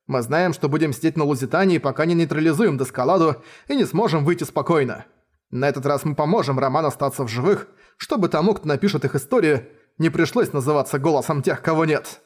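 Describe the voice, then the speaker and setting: A man voicing a grave, indignant older bishop who speaks in a solemn, oratorical way. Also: a little high.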